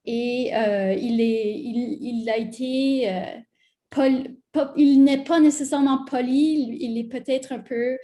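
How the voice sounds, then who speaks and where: Prairie french woman, fransaskois accent, slow, mellow voice. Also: high-pitched, fairly even intonation. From Saskatchewan, Canada. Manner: earnest, halting, with many fillers. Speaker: guest artist. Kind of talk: webinar panel talk.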